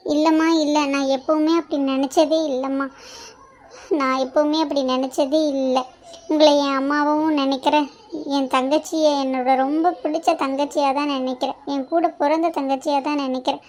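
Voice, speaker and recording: A woman voicing a gentle, motherless young woman who pleads softly and tearfully in a cartoon. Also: high voice, little pitch movement, moderate pace, a little hiss or hum, natural voice. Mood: pleading. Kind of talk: cartoon voice acting.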